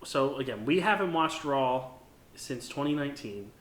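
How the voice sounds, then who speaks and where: A man's voice: medium pitch, expressive, normal speed, fairly bright tone. A man co-hosting a casual wrestling review podcast, recapping events hesitantly with many fillers. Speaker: podcast co-host. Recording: echoey room with faint noise.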